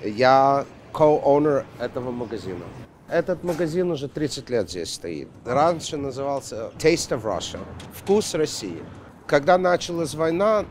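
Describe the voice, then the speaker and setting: A middle-aged man from Ukraine, a shop co-owner, answering a street interview in a quick, halting way, searching for his words. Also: medium pitch. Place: city sidewalk outdoors. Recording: loud street noise outdoors.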